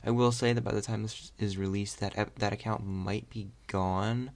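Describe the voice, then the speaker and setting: A man's voice: fairly low pitch, steady tone, moderate pace, vocal fry. A young man hosting a podcast in casual chat, rambling and hesitant with lots of fillers. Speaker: podcast host.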